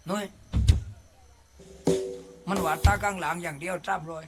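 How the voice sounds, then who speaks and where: A man's voice: a little high, steady tone, normal speed, music in the background, lightly acted. A man with a Southern Thai accent voicing a brash, crude clown puppet who bickers and begs for money. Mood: bickering. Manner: crude bantering, begging and bickering.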